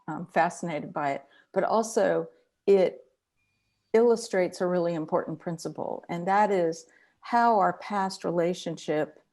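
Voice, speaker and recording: Middle-aged woman host with gravelly low voice. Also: darkish tone. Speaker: interview host, psychologist. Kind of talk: online interview.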